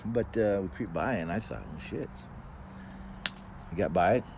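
Deep-voiced man telling fireside stories. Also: fairly quick. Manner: colloquial, mild swearing. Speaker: guest telling personal stories. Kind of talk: fireside storytelling, casual and conversational. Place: outdoors in a backyard. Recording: noisy outdoor ambience with vehicle sounds.

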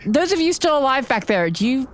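A woman's voice: high voice, big pitch swings, fairly quick, slight background noise. A woman playing a tabletop game, sometimes putting on prim, polite manners. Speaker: player. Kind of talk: casual tabletop play.

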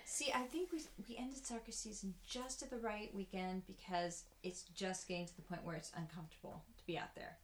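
A woman co-hosting a podcast in casual chat, cheering her partner on with quick interjections. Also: medium pitch, slight background noise. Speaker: podcast co-host.

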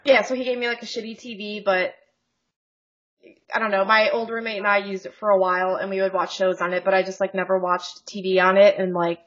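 Woman, podcast co-host, casual rambling chat, mid pitch, lo-fi muffled call audio. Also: level tone, brisk, a bit bright. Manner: joking, rambling, laughs often. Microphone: video call.

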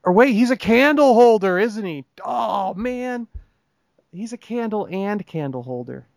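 A man's voice: sits high, lively intonation, a little slow, gravelly, dry recording, studio quality. A man co-hosting a casual podcast, chatting in a rambling, jokey way that keeps interrupting itself. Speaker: podcast co-host. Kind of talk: casual chat.

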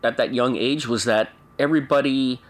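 A man's voice: medium pitch, moderate pace. A man in his forties from Canada, speaking as an interview guest in a thoughtful, hesitant way with many restarts and fillers. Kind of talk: reflective conversational interview.

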